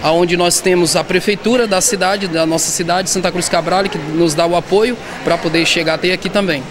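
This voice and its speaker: This is a Brazilian artisan from southern Bahia, interviewed by a reporter with a handheld mic amid constant loud noise in a shopping mall. His high voice holds a steady tone, though his words come haltingly, with frequent stops, repeats, and restarts.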